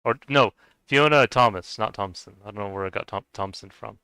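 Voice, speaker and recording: Lowish and fairly quick, his voice is bright and forceful with a clear, resonant tone. He's streaming a game and chatting casually, hesitating and chuckling as he stumbles over names. A dry close mic with no echo picks him up over faint music.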